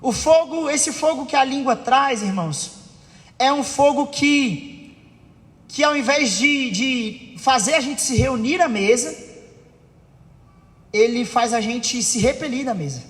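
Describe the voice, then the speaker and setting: Speaking a little slowly with frequent pauses, a man preaches in a very high, expressive voice, the church hall's long reverb trailing behind him. He raises his voice to dramatize family quarrels and invites the congregation to agree.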